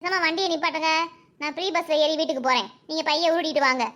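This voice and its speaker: A woman voicing a bossy, sharp-tongued village wife in a cartoon, with a Madurai Tamil accent and a shrill, pushed-up voice. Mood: scolding. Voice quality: shrill, pitched way up. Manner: nagging, quick comebacks. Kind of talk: cartoon voice acting.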